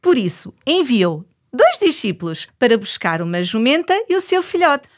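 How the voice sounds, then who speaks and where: A woman with a European Portuguese accent presents a children's programme. Her voice sits fairly high, and she tells scripted Bible stories expressively, addressing the young audience directly. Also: sing-song, normal speed. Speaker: children's programme host and storyteller.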